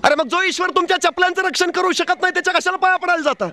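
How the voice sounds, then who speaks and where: Male motivational speaker, fervent storyteller, very high voice, dry close sound. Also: steady tone, rapid-fire, pushed and bright, no room sound. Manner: fervent, storytelling, full of rhetorical questions. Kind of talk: public motivational speech.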